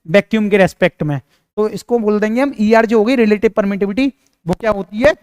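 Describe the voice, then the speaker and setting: Man, young, physics teacher, high voice, chatty lecture style, smooth tone, talks right to students. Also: brisk, no room sound, clean studio sound. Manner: chatty, jokey, addresses students directly. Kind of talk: casual classroom lecture.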